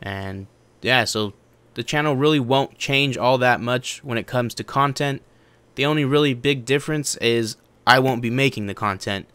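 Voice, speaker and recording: Bright, crisp young man. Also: mid-range voice, moderate pace, dry recording. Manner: earnest, repeats "like I said". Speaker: departing channel host. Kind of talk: casual channel update.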